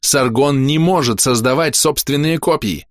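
A man's voice: mid-range voice, normal speed, dry recording, clean studio sound, voice pushed up, close to an everyday voice. A man doing a fierce young woman warrior. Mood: defensive. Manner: sharp, defensive.

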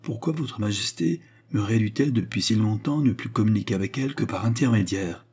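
A courtly cardinal pleads earnestly and courteously, as a man reads him in an audiobook. The voice sits low, with a dark, husky tone. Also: brisk. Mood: pleading. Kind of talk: audiobook reading.

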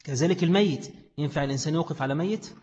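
A man's voice: on the high side, racing, a little mellow, a little hiss or hum. A man with an Egyptian accent teaching a classroom lesson, explaining a text and asking questions that he answers himself. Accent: Egyptian Arabic. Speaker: religious studies teacher. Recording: echoey hall, dull lo-fi sound.

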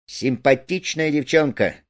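A man reading a play aloud, voicing a rough thug who barks blunt commands. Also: medium pitch, expressive, unhurried, lightly acted.

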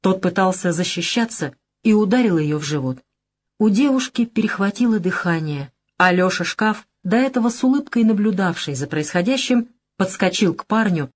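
A woman narrating an action audiobook in a steady, matter-of-fact reading. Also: medium pitch. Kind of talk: scripted narration.

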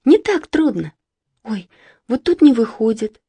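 A woman's voice: fairly high pitch, measured pace, slightly rough, no echo, voice pushed up, full character voice. A woman voicing an eager, helpful schoolgirl in a storybook reading. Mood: excited. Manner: eager, excited.

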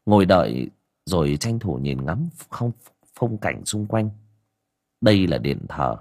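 A man narrating an audiobook story in a steady, descriptive storytelling manner. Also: fairly low pitch, breathy edge.

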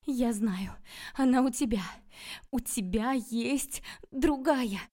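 A woman reading an audiobook, voicing a hysterical young woman who shouts tearful accusations at her rival. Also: a little high, takes it slowly, pitched above the performer's own voice. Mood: accusing.

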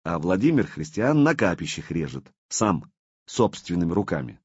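A man's voice: low voice, sing-song, normal speed, darkish tone, slightly rough, no echo, dull audio, exaggerated voice. A man voicing a firm, principled young warrior in an audiobook. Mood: calm. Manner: firm, reproachful. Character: stern loyal young male warrior.

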